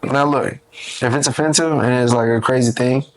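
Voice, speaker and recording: A man's voice: mid-range voice, steady tone, normal speed, poor audio. A man co-hosting a podcast, giving emphatic, opinionated takes in casual chat and swearing freely. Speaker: podcast co-host.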